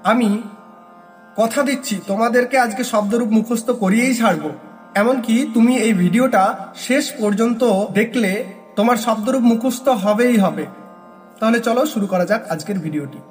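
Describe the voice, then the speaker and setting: High-pitched male teacher, patient, asks his own questions and answers them. Long reverb and soft music behind him. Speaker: Sanskrit teacher. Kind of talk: online grammar lesson.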